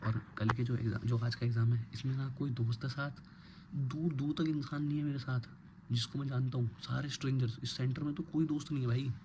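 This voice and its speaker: A young man in his twenties talks quietly, close to a phone, at home late at night. He rambles and pokes fun at himself in a casual vlog, at a middle pitch. A steady hiss of noise sits under the voice. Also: fairly quick. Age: 20s. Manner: hushed, rambling, self-mocking. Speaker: college student vlogger. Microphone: phone held close.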